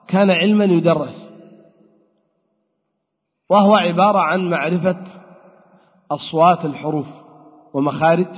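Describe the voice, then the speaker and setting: Here a man with a slightly high, husky voice teaches Arabic grammar in a lecture hall. He explains each step and asks and answers his own questions. The recording has a dull tone and a long echo.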